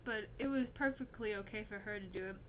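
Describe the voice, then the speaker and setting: A woman's voice: mid-range voice, quick pace. A young woman improvising a story with a friend, playful, with jokey asides. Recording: dull lo-fi recording with faint hiss.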